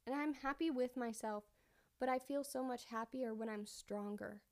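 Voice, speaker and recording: Speaking alone on her casual podcast, a young woman rambles conversationally, corrects herself, and sounds a little breathless. She talks at a moderate pace in a steady voice that leans high.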